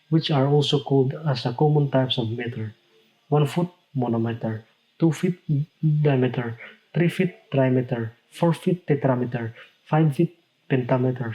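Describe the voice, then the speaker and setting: A man's voice: mid-range voice, a little mellow, low-quality recording. A man teaching a recorded lesson, explaining step by step and sometimes stopping to correct himself. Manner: explanatory, with self-corrections and restarts. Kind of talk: recorded lecture.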